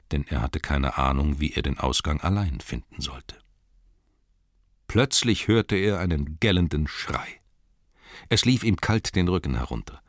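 A male narrator reading a fantasy story aloud in an expressive, dramatic style. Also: rumbling low, no echo, clean studio sound. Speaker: audiobook narrator. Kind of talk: audiobook reading.

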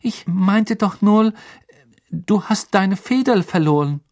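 A man's voice: high-pitched, expressive, slow, darkish tone, pitched above the performer's own voice, exaggerated voice. A man voicing a kind, shy teenage schoolgirl in an audiobook. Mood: gentle.

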